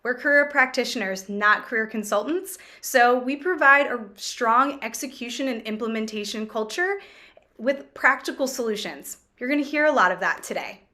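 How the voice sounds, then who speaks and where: A woman's voice: on the high side, lively intonation, moderate pace, bright, forceful tone. A woman hosting a business Q&A interview, friendly and enthusiastic as she introduces topics and asks questions. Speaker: interview host, company executive.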